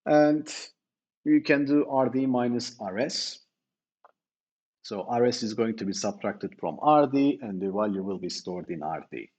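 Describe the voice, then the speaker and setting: A man in middle age delivers a university lecture at an unhurried pace, his pitch rising and falling in a lively way. He explains each step carefully, with pauses, fillers and quick self-corrections. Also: dull audio.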